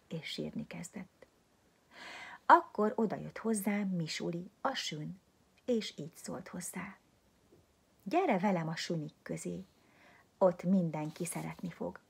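Husky gravelly woman reading a children's tale. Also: fairly low pitch. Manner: lively, shifts between hushed whispers and loud exclamations. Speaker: storyteller.

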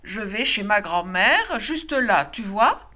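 A woman's voice: mid-range voice, very animated, slow pace, pushed and bright, full character voice. Woman doing a cheeky little red-hooded girl. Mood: offhand.

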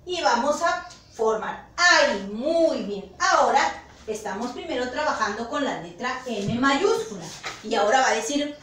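A female teacher with a Peruvian Spanish accent, leading a slow, encouraging phonics lesson and repeating the answers back. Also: high voice, big pitch swings, fairly bright tone, a little hiss or hum. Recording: echoey room, voice from far off.

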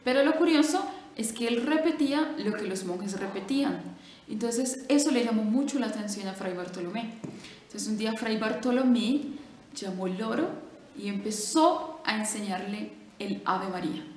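A woman telling a story in a lively, conversational way, with fillers and restarts. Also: fairly high pitch, moderate pace. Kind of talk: casual storytelling. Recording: echoey room with faint noise.

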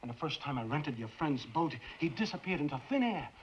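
A man's voice: a little high, sing-song, a little fast, slight background noise. A man playing a frightened, guilt-ridden scientist who stammers and pleads, in 1950s film noir acting. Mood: anxious, pleading. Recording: muffled 1950s film soundtrack.

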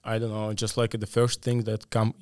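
A man's voice: fairly low pitch, monotone, moderate pace, darkish tone, smooth, no echo. A man from Latvia in his thirties, a guest in a podcast interview, talking with many fillers into a studio mic. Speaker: guest, AI consultant. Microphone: studio mic on a stand.

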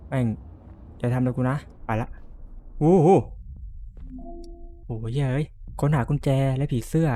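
A man's voice: medium pitch, steady tone, brisk, mellow, a little hiss or hum. A man playing a horror game and commenting as he goes, jumpy, cursing and laughing nervously. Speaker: gamer.

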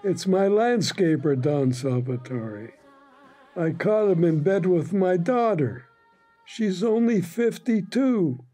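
An aggrieved, vengeful old father played by a man pleads in a mafia comedy sketch. The voice is fairly high for a man and husky, moving at a slow, halting, wounded pace. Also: animated, warm tone, heavily acted. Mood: wronged, vengeful. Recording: music playing under the voice.

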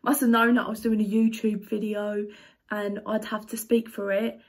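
A woman's voice: mid-range voice, flat delivery, moderate pace. A young woman reading viewer comments aloud and answering them in a chatty, blunt, sarcastic way in a casual vlog. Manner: reads comments aloud, then reacts.

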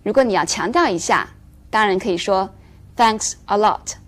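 In a recorded lesson for Chinese learners of English, a woman with a mid-range voice explains things clearly and at a measured pace, slowing down whenever she gives English examples.

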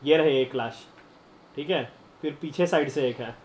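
A young man streaming a game live, chatting to viewers and breaking into excited shouts and laughter. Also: fairly high pitch, normal speed, a little hiss or hum. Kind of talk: live gameplay commentary.

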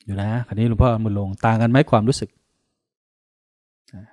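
A man from Thailand, a Buddhist monk, leading a guided meditation in slow, calm, soothing instructions with pauses. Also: fairly low pitch, no room sound, studio quality.

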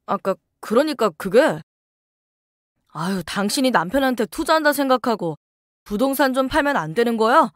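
A woman voicing an angry, pushy husband who demands money and shouts. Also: a little high, expressive, moderate pace, dry recording, clean studio sound, lightly acted. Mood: coaxing.

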